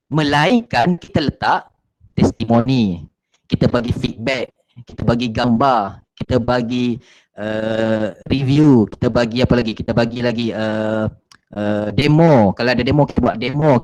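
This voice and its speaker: A man's voice: fairly high pitch, darkish tone, poor audio. Man teaching a repetitive lecture. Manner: repeats points and keeps addressing listeners as sir and madam; frequent filler sounds "ha" and "eh". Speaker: marketing trainer. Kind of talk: online business class lecture.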